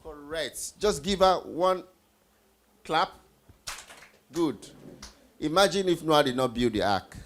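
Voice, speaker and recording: On an event stage before a group of children, a man hosts an interactive Bible trivia session, encouraging and instructive, often prompting with questions and repeating answers. His voice is on the high side and animated, slow with long pauses, with a little hiss or hum.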